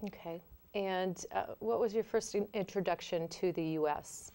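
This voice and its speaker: A woman's voice: mid-range voice, fairly even intonation, moderate pace, mellow. A woman hosting a talk show interview, gracious and somewhat hesitant, with frequent fillers.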